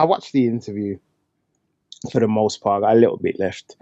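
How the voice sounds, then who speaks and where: A man's voice: lowish voice, a little mellow, no room sound. Candid man chatting on a podcast. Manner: candid, chatty, talks through his opinions. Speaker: podcast co-host. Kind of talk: casual opinion chat. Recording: dull, slightly lo-fi dry sound.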